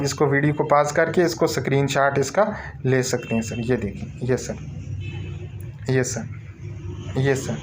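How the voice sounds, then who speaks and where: A man's voice: mid-range voice, slight background noise. A man with a Pakistani Urdu accent giving a screen-recorded tutorial walkthrough, repetitive and calling his listeners sir. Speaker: online course tutor.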